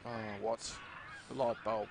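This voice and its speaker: A man's voice: fairly low pitch, a little slow, vocal fry. A man with an Australian accent doing casual, joking commentary of a school football match outdoors. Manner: chatty, joking, lively banter. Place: outdoor sports ground. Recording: noisy outdoor livestream.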